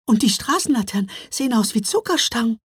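An awestruck little girl gasps in a high, breathy voice, as a man reading a storybook puts her on. Her pitch jumps upward in amazement. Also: expressive, fast talker, fairly bright tone, no room sound, studio quality, full character voice. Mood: amazed. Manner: breathless, gasping with wonder. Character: wide-eyed little girl Mila, amazed.

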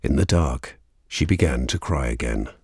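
A man giving measured, dramatic audiobook narration. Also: a bass voice, animated, a little mellow, slightly rough, no echo, clean studio sound.

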